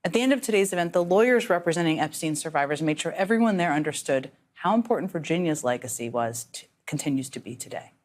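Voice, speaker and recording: Woman, news anchor, low pitch, emotional, halting. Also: lively intonation. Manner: emotional, halting with repeated starts. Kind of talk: cable news interview.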